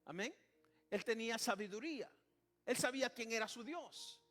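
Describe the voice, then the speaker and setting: Male preacher, very high voice, sermon full of "hermano" and praises, soft music under it. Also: normal speed. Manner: repeats "hermano" and "alabado sea el nombre de Jesús", with many restarts.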